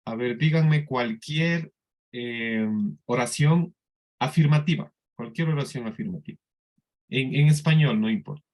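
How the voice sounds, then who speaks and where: A man teaching an English class in Spanish with a Colombian accent, explaining slowly and patiently and often checking that the students follow. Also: medium pitch, a little mellow. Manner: slow, patient explaining with frequent checks for understanding. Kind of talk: classroom lesson.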